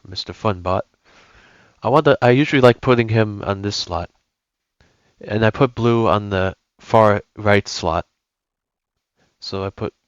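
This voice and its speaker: A man's voice: fairly low pitch, smooth, dry recording, highs cut off. A young man giving casual, rambling gameplay commentary, often correcting himself as he goes. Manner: rambling, self-correcting, enthusiastic. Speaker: gaming YouTuber.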